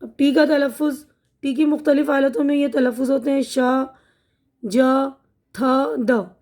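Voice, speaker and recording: Woman, Pakistani Urdu accent, English teacher, high voice, very slow delivery, reads word lists with meanings. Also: steady tone, dark tone. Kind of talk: slow classroom-style lesson explaining pronunciation.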